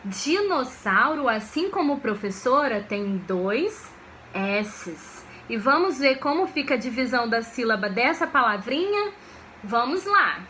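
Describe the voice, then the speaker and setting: A woman teacher, giving a video lesson for children in a slow, patient way and often checking that they follow. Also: a little high, bright, forceful tone, a little hiss or hum. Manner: slow, patient, checks understanding with frequent questions.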